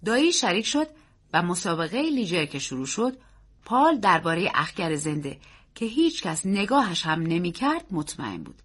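A woman narrating a story in a measured, expressive storytelling manner. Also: on the low side, slightly rough.

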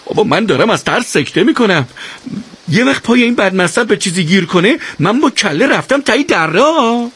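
A man's voice: high voice, big pitch swings, a bit bright, husky, pitched above the performer's own voice, exaggerated voice. A man doing a terrified young soldier. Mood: panicky. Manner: panicky, fearful. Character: frightened young male soldier on a mule.

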